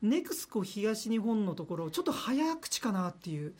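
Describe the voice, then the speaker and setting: A man's voice: sits high, sing-song, normal speed, darkish tone. A man working as a radio personality, chatting casually and animatedly in a studio, often laughing and imitating voices.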